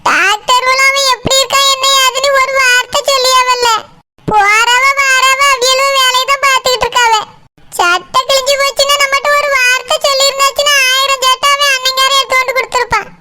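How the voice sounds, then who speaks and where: A woman's voice: extremely high pitch, fairly even intonation, a little fast, exaggerated voice. A woman voicing a grieving middle-aged village mother who laments tearfully, with a Kanyakumari Tamil accent. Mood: lamenting. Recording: loud background noise.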